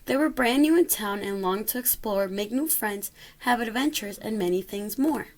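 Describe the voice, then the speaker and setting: A woman's voice: mid-range voice, animated, normal speed. A woman reading a rhyming children's story aloud expressively, occasionally stumbling over a word. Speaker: storybook reader.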